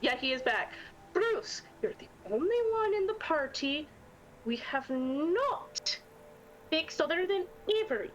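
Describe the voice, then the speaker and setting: Woman player, high voice, chatty and giggly, casual roleplay talk. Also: sing-song, unhurried, lo-fi sound, a little hiss or hum. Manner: chatty, laughs often. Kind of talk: tabletop roleplay chat.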